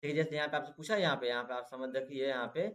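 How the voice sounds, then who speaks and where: Male teacher of middle pitch for an exam-prep lesson; drills every point by repetition and questions. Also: rapid-fire, a bit bright. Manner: repetitive, drills and quizzes students.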